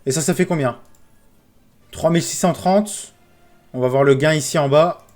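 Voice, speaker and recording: A man streaming casino games, commentating live, excitable, pleading with the game and calling out sums. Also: fairly high pitch, normal speed, faint music behind.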